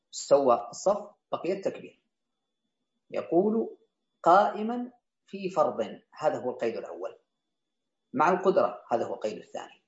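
This teacher of Islamic jurisprudence has a medium-pitched, slightly mellow voice. He reads each line of a classical legal text aloud, then restates and explains it for his students, and the recording sounds roomy and a bit dull.

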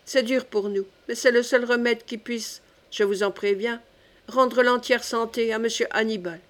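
A woman's voice: on the high side, fairly even intonation, normal speed, lightly acted. A woman reading the part of a playful, coaxing young duchess in an audiobook.

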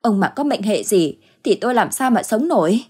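A woman's voice: medium pitch, sing-song, normal speed, darkish tone, husky. A woman doing a worried, scolding old village wife. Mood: chiding. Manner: chiding, reassuring.

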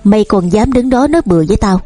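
A woman's voice: mid-range voice, animated, quick pace, warm tone, no room sound, soft background music, lightly acted. A woman voicing a harsh, scolding old father who owns a company. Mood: furious. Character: stern angry old father, a company owner.

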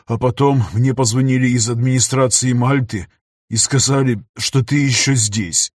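A man with a husky voice voicing a grieving old man who murmurs slowly through tears. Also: medium pitch, fairly even intonation, dry recording, clean studio sound, natural voice. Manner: slow, tearful murmuring. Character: grieving old man, the professor's loyal friend.

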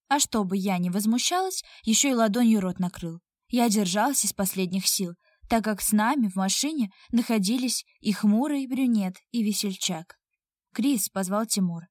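A woman narrating a first-person audiobook in a steady, intimate reading. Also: mid-range voice, no room sound, clean studio sound.

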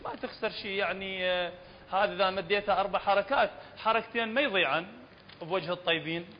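High-voiced Iraqi man teaching recitation. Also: fast, a little hiss or hum. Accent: Iraqi Arabic. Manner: explains patiently, checking often whether he is understood. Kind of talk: religious lesson on recitation rules. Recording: reverberant, dull lo-fi recording.

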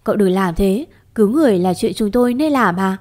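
A woman voicing a kind, motherly village woman who speaks gently and turns tearful. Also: medium pitch, animated, a little fast, lightly acted. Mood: gentle.

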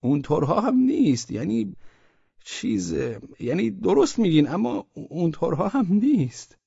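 A man's voice: sing-song, gravelly, warm tone, slightly rough, dry recording, exaggerated voice. A man voicing a flustered, evasive official in an audiobook, stammering and hedging. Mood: flustered insistence. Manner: stammering, high-pitched, pleading. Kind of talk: audiobook character voice. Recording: dull, dry audio.

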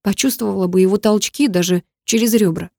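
A woman reads a first-person story aloud in a measured, intimate manner. Her voice is mellow and warm. The recording is dry and close, with no room sound. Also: mid-range voice, vocal fry, no room sound. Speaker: audiobook narrator.

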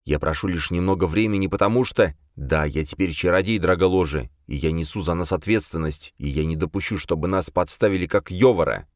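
A man reading an audiobook and voicing a tense young sorcerer who leads his group, speaking in a gruff, clipped, irritable way. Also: low voice, brisk, few pauses, no echo, studio quality, close to an everyday voice. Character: young male sorcerer, tense and defensive leader.

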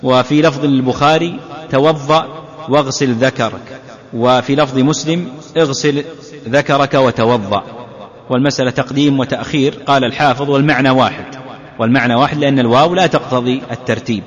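Male sheikh teaching in an echoing hall. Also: mid-range voice. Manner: deliberate, repeats key phrases to drive them home. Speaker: sheikh teaching a classical text. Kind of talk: religious lesson explaining hadith. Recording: reverberant hall, dull lo-fi sound.

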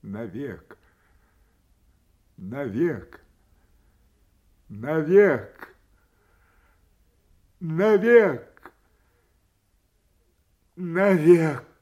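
Frail old King Lear, achingly slow. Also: on the low side, expressive, darkish tone. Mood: grieving, anguished. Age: older. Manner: halting, repeats words, long pauses. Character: frail, grief-stricken, confused old king. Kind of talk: classical theatrical audio drama acting.

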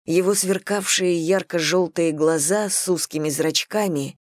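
A woman reading a fantasy story aloud in steady, scripted narration. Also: lowish voice, unhurried, no echo, studio quality. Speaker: audiobook narrator.

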